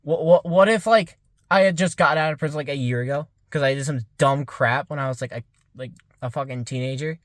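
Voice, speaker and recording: A man's voice: on the high side, a little fast, no echo, studio quality. A young man of about twenty musing aloud in a rambling vlog monologue, full of "like" fillers. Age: around 20. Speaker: vlogger. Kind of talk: casual reflective monologue.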